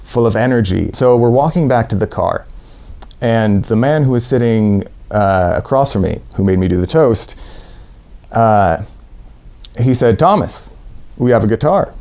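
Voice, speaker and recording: A man from the USA with an American accent, telling a personal story in a lively way and acting out what people said. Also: on the low side, measured pace. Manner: lively anecdotal, acts out quotes.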